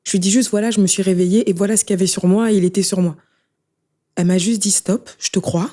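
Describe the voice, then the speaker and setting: Speaking as a guest in an interview, a young woman recounts her life in a warm, medium-pitched voice with fairly even intonation. Her testimony is rapid, emotional and chatty, and she keeps addressing the listener with "tu vois."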